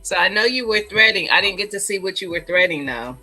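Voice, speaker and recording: A woman's voice: mid-range voice, expressive, fast talker, bright, forceful tone, faint music behind. A woman in casual chat on a crafting livestream, friendly and greeting everyone by name.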